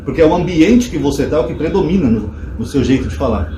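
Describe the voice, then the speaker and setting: Speaking quickly in a somewhat high, mellow voice, a man from Brazil hosts his channel with casual commentary aimed at viewers. He keeps slipping in lively asides and rhetorical questions, while an echoing room and a faint background hum color the sound.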